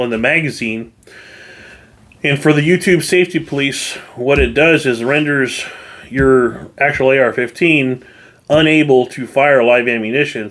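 A man's voice: medium pitch, a bit bright. A man hosting his own channel, talking casually to camera in a product review, with lots of fillers and restarts. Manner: chatty, with frequent fillers and restarts. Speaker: YouTube channel host reviewing gear.

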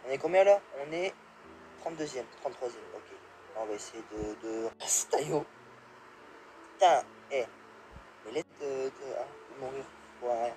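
A young man giving live gameplay commentary, excitable, yelping and laughing, swearing and dropping English exclamations. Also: mid-range voice, unhurried, long pauses, slight background noise, rough recording. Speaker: gamer.

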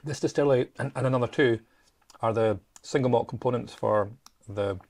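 Fast-talking gravelly man. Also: mid-range voice, darkish tone. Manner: chatty, trailing off with fillers and restarts. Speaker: podcast co-host. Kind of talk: casual chat.

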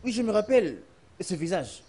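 An actor voicing a blunt, suspicious village man in a French film dub, speaking in a low voice. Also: very animated, moderate pace, noisy background. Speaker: villager questioned about a missing mother.

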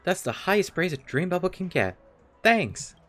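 A man reading out a game's dialogue as a smooth-talking male dream salesman, with an upbeat sales-pitch delivery. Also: very animated, moderate pace, a bit bright, exaggerated voice. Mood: salesy. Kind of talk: reading game dialogue aloud.

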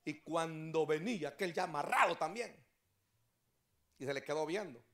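A male pastor delivers a fiery evangelistic sermon in a high, gravelly voice. His tone is bright and cutting, and he moves from storytelling into shouted calls to the congregation. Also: normal speed. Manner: storytelling preacher who rises to shouted exhortation. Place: church service.

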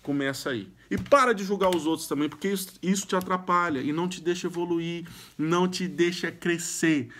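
A Brazilian man speaks casually but firmly to his viewers, pressing his advice home. His voice sits somewhat high for a man, and he sometimes catches on a sound and repeats it before he goes on. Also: fairly quick, fairly bright tone. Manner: emphatic, exhortative, repeats sounds at starts of phrases. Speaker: YouTube speaker giving self-help tips. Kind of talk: casual direct-to-camera advice.

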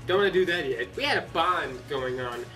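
A young man hosting a casual let's-play, excitable, yelping and swearing as he plays. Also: a little high, brisk, recorded from a distance, faint music behind. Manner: excitable, yelps and swears at the game. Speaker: gaming channel host.

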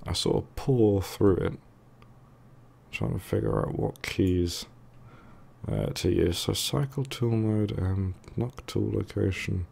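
A man's voice: on the low side, takes it slowly, vocal fry, a little mellow, husky. A man with a thick, sore-throated voice giving casual, hesitant let's play commentary, musing to himself as he goes. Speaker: gaming video host.

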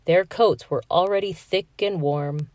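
A woman reading a children's picture book aloud in an expressive, sing-song storytelling manner. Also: lowish voice, measured pace, dry recording.

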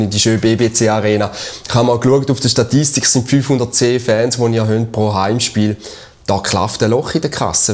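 A man in his thirties with a Swiss accent, interviewing as host of a sports show in a studio. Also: on the low side. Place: small TV studio. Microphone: lapel.

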